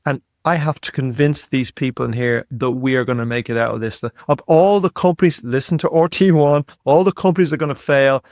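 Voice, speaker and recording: Man, middle-aged, podcast host, earnest, restarts often, medium pitch. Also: fairly quick, few pauses, a little mellow, no echo, clean studio sound. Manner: earnest storytelling with frequent restarts. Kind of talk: conversational interview.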